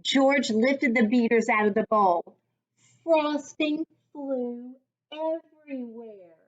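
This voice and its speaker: In a slightly high voice, a woman narrates a children's storybook with deliberate, expressive delivery suited to coaching young readers. The audio sounds dull.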